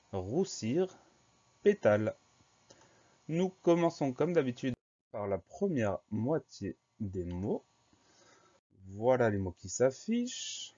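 A man's voice: medium pitch, darkish tone, dull audio. Man patiently spelling words aloud. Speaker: teacher. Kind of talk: spelling lesson.

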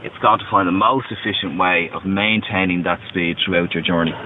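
A man's voice: deep voice, fairly even intonation, fairly quick. A man in his thirties, inside a parked car, patiently explaining car features step by step, recorded from some distance on a tinny, lo-fi device. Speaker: car company representative. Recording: distant, tinny, lo-fi with faint noise.

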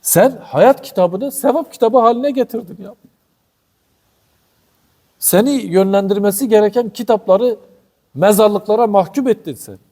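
A man's voice: high voice, moderate pace, long pauses, warm tone. A man giving a passionate religious commentary talk as a teacher, scolding and full of rhetorical questions. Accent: Turkish.

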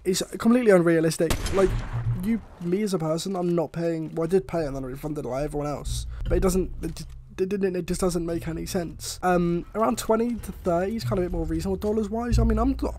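Ranting over gameplay footage, this young man, a gaming YouTuber, sounds exasperated, swears a lot, and rambles; he has a cold that leaves his voice slightly chesty. His voice is high and mellow with vocal fry, and a little hiss or hum can be heard.

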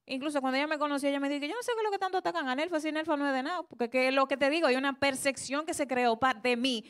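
A woman's voice: sits high, racing, fairly bright tone. A young woman with a Dominican accent, a guest in casual chat, who rambles and often restarts her sentences. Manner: rambling, restarts a lot, hesitant.

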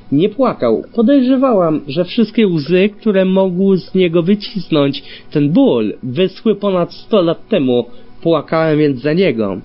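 A man reading a story aloud as an audiobook, telling it in an expressive way. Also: on the high side. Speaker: audiobook reader. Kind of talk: scripted narration of fan fiction. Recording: dull lo-fi with faint music.

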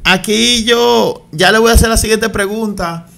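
A young man hosting an interview from a studio set with a headset mic, asking long, wordy questions with flattering build-ups. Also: high voice, normal speed, creaky. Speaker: interview host. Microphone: headset mic on a stand in a studio set.

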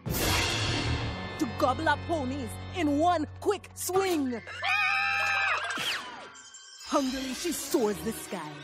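A woman voicing a wise, mysterious zebra mare who speaks slowly and only in rhyme. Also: sits high, lively intonation. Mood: spooky. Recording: over loud cartoon music.

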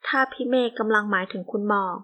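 A woman's voice: mid-range voice, fast talker, pushed and bright. A woman voicing a devoted young woman who speaks sweetly and pleads tearfully and politely, in an audio novel. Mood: pleading.

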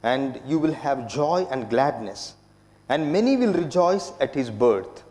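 A man in his thirties, a priest giving a solemn, measured scripture reading at Mass in an echoing church. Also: medium pitch, big pitch swings, darkish tone. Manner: measured, formal delivery. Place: inside a church at the lectern. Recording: echoing church with long reverb.

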